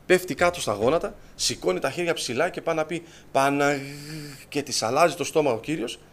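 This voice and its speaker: Man, church testimony, animated storyteller, fairly high voice, acts out others' words. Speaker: church member giving testimony. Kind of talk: personal testimony to a congregation.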